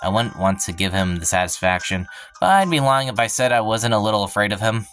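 A man's voice: lowish voice, lively intonation, a little fast, a bit bright, soft background music. A man hosting a let's play, reading a visual novel's first-person narration aloud, stumbling and breaking off now and then for wry asides.

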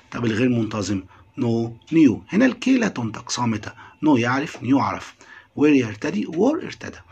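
Egyptian male English teacher, gravelly and husky, lively pitch, repeats each word. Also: muffled recording. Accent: Egyptian Arabic. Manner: drills words slowly with repetition, then translates. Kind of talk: classroom lesson.

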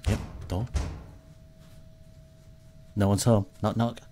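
Chill guy muttering through a horror game, lowish voice. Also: fairly even intonation, slow, noisy background. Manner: laid-back, muttering reactions. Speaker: gaming channel host. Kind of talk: casual gameplay commentary.

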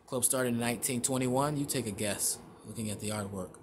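A man narrating a casual walking tour inside a large store, halting often with fillers and restarts. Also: medium pitch, background noise. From Chicago area. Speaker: vlogger.

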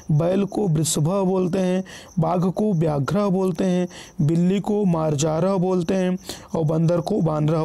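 A man with a high, creaky, warm voice teaches an exam-prep vocabulary lesson, working down a list word by word. He corrects himself and keeps checking in with listeners by repeating "ठीक है".

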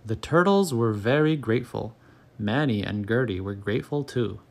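A man narrating a children's picture book aloud, calm and clear, as the channel's storyteller. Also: lowish voice, normal speed.

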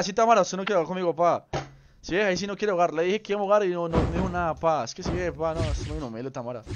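A man's voice: fairly high pitch, slight background noise. A young man, chatting casually on a game stream, teasing and greeting viewers by name. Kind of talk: casual live-stream chat.

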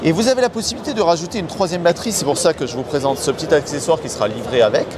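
A man in his thirties, a company director, presenting a new scooter in an interview with a confident sales pitch full of figures. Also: very fast. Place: busy indoor trade show hall. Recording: loud crowd noise of a trade show. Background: loud trade show crowd noise.

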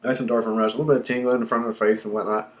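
This man's medium-pitched voice races along with a flat delivery as he casually rambles through a hot pepper tasting, dropping ums and likes. The chili burn leaves him panting and sighing in this unscripted vlog.

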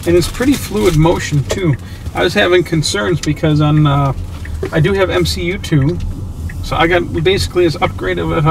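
A man hosting his own channel, narrating casually while driving, excited and chatty with lots of fillers, recorded inside a moving car on a mounted camera. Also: fairly high pitch, vocal fry. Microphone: camera on a suction mount. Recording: noisy car interior. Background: car road noise.

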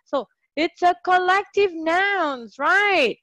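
A woman's voice: extremely high pitch, lively intonation, slow pace, fairly bright tone, dry recording. A woman teaching a live online English class, cheerful and encouraging, praising her students over a computer mic.

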